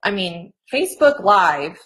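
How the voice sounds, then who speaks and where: A woman's voice: on the low side, big pitch swings, a little slow, fairly bright tone, low-quality recording. Young woman guest, really earnest and upbeat, says like a lot, casual interview chat. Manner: earnest, motivational, lots of "like" and "okay".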